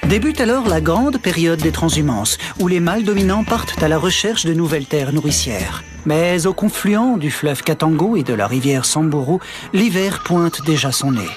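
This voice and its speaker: An actor playing an earnest nature documentary narrator, with a solemn, measured storytelling delivery. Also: male voice, a little high, animated, faint music behind, lightly acted. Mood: solemn, dramatic.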